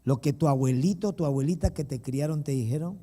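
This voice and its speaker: Animated pastor telling a story. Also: male voice, on the high side, quick pace. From Peru. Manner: animated, personal storytelling with chuckles and asides to the congregation. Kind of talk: storytelling sermon.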